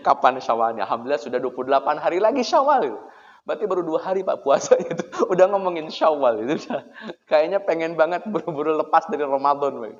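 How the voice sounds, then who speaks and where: A man's voice: fairly high pitch, lively intonation, brisk. Joking male preacher in a hall. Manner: chatty and joking, often addressing listeners directly. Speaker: Islamic preacher. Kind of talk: casual sermon to a congregation. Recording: dull, echoey hall recording.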